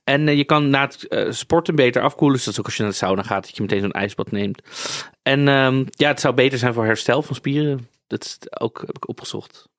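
A man's voice: medium pitch, fairly quick, no echo. Man chatting informally, dry podcast sound. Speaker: podcast co-host. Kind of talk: casual podcast chat.

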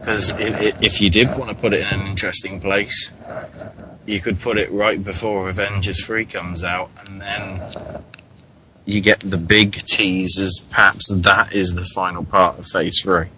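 A man's voice: sits low, level tone, pushed and bright, a little hiss or hum, poor audio. A man co-hosting a radio talk show, chatting casually with a wry, joking manner. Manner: chatty, wry, quick to joke. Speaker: podcast co-host. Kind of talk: casual chat.

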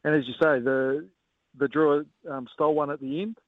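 A man giving casual, measured sports analysis as a guest coach, often pausing with filler phrases. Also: on the high side, fairly even intonation, dry recording. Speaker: rugby coach as guest pundit. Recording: narrowband phone-like line.

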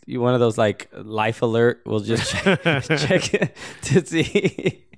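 A man's voice: medium pitch, expressive, slow pace, creaky, no echo, clean studio sound. A man co-hosting a podcast with casual sports talk, agreeable and easygoing. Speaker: podcast co-host.

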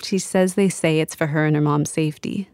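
A woman host and reporter narrating a documentary podcast and interviewing in a measured, reflective way. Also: deep voice, fairly even intonation, a little mellow, smooth, no echo, clean studio sound.

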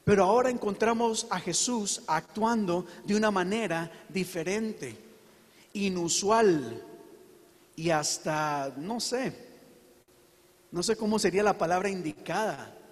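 High-voiced man preaching in a reverberant hall. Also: lively intonation. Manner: earnest, emphatic preaching with slow dramatic pauses. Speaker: pastor. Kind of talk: sermon.

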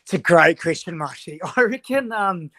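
A man with a slightly high voice gives rugby analysis. He speaks as a coach being interviewed, in a setting with little echo. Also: expressive, moderate pace, pushed and bright, clean studio sound.

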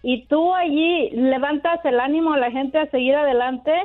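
A woman's voice: high-pitched, fairly even intonation, normal speed, faint music behind. A woman caller on a radio show, talking in an indignant, rambling way over the phone. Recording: tinny phone line.

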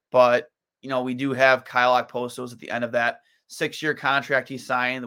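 A man's voice: medium pitch, vocal fry, pushed and bright. A tired man hosting a solo sports podcast, rambling through his thoughts with lots of fillers and restarts. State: tired, yawning.

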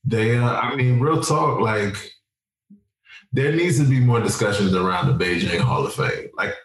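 A man's voice: medium pitch, normal speed. An American man in casual podcast banter, slangy and repeating himself for emphasis. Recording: echoey room, distant microphone.

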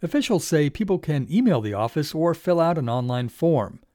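A man's voice: a little high, big pitch swings, moderate pace, dark tone, no echo, clean studio sound. A man working as a radio reporter, reading a scripted news report.

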